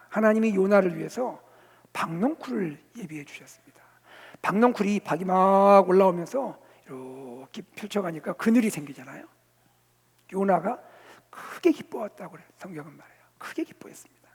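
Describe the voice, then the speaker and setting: A male senior pastor preaching a sermon, telling the story vividly, rising to loud emphasis and dropping to near-whispers. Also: sits high, gravelly, husky. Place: church sanctuary. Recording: long reverb of a church hall.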